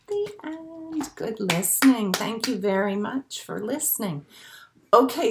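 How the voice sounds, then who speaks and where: With a mid-range, fairly bright voice and a little hiss or hum in the recording, a woman librarian runs an animated storytime for young children. She reads picture books and rhymes aloud, using simple and encouraging language.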